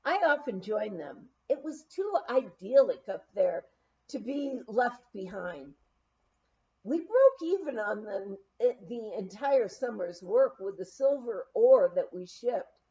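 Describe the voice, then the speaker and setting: A woman with a mid-range voice narrates a memoir audiobook, reading in a measured, expressive storytelling style with deliberate phrasing. The audio sounds dull.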